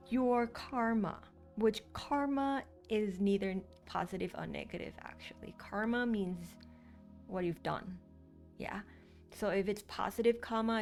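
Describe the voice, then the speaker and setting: A tarot card reader, a woman whose first language is Thai, speaks with a Thai accent in a medium-pitched voice with vocal fry. She gives a casual card reading, rambling with many fillers and restarts.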